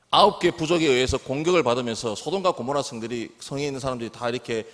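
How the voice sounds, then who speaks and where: A middle-aged male pastor preaches in a church sanctuary, his voice rising and falling with lively swings in pitch. He keeps asking the congregation questions, and his words ring out with a long reverb through the hall. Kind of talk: sermon.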